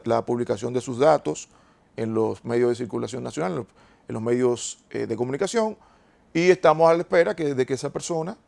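A man, a lawyer being interviewed on a TV program, who explains things in a measured, formal legal way. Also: mid-range voice, gravelly, a little mellow. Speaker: lawyer guest.

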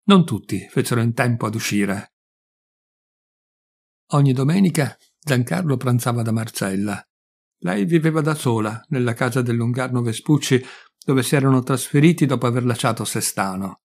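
A man narrating a short story in a measured, deliberate reading voice. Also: medium pitch, lively intonation, darkish tone. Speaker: audiobook reader.

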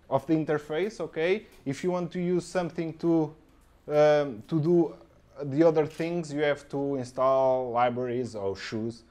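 In an indoor conference room with a projector, a young man from Portugal delivers a tech talk in hesitant, Portuguese-accented English, peppered with ums and okays. His voice is medium-pitched and darkish, captured on a handheld mic.

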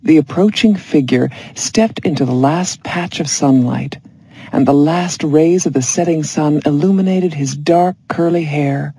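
Narrator for listening-practice audio: slow, measured, mellow reading, dry studio sound. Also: medium pitch, slightly rough, no room sound.

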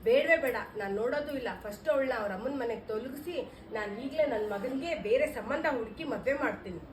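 A woman's voice: quick pace, echoey room, far from the mic, a little hiss or hum, close to an everyday voice, rough recording. A woman playing a bitter middle-aged mother-in-law who scolds and pities herself, in a family skit. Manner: shrill, scolding, self-pitying.

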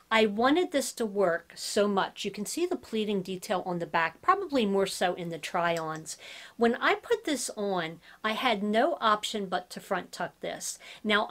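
A woman's voice: medium pitch, fairly bright tone. A woman in her fifties, a fashion vlogger, chatting upbeat through a product haul in a room at home. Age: 50s.

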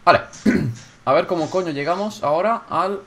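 Excitable gamer narrating his game. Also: sits high, normal speed, slight background noise. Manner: excitable, swears, shouts when startled. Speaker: gaming YouTuber. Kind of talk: casual gameplay commentary.

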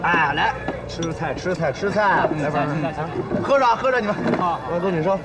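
An actor playing a loud, boisterous drinking buddy who keeps toasting at an outdoor street-food stall. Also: male voice, high-pitched, expressive, normal speed. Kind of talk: TV drama acting.

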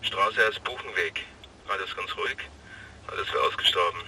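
A terse patrol officer whose voice comes through a two-way police radio, very low in pitch yet sharp and bright in tone. He reports in clipped call-sign phrases. The voice sounds distant, with a faint hiss behind it. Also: normal speed. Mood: calm report. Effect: heard over a police two-way radio.

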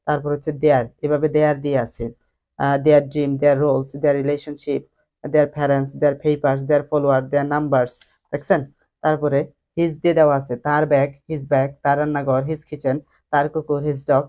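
A man's voice: a little high, mellow. A man teaching spoken English, walking through a course book and drilling example phrases over and over. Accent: Bangladeshi Bengali. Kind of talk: tutorial walkthrough of a course book.

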